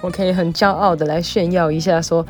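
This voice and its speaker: A woman's voice: lowish voice, fairly quick, soft background music. A young woman, a psychologist hosting her own show and chatting through a personal story with lots of fillers. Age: young adult. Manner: chatty, animated retelling with many fillers. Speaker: podcast host, psychologist. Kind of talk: casual storytelling monologue.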